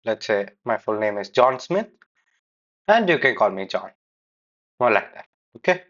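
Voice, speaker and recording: A man's voice: lowish voice, very animated, fairly bright tone, muffled recording. Man coaching through test feedback. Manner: explanatory, pauses to replay and correct answers. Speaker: IELTS coach giving feedback. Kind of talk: feedback commentary on a recorded test.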